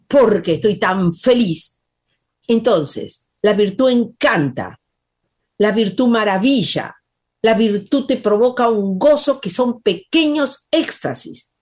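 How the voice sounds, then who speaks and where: Husky, animated woman teaching. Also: a little high. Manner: emphatic, dwells on words and repeats them. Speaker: spiritual teacher. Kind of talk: spiritual talk.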